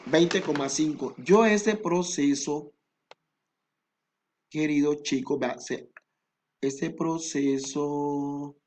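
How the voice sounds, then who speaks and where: A man's voice: fairly high pitch, drawn-out words, pauses often, a little mellow. A male math teacher, explaining a statistics lesson patiently step by step.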